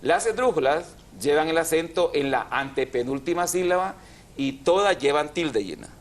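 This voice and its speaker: A man's voice: on the high side, lively intonation, normal speed. A man hosting a TV language program, explaining grammar patiently and drawing out syllables. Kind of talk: didactic TV chat.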